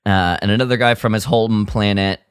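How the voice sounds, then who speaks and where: On a podcast, a male co-host talks fairly quickly in a lowish, clean-toned, steady voice, joking casually as he recaps and critiques a radio drama. Exasperation creeps in, and he mimics characters' lines. The audio is clean studio sound with no echo.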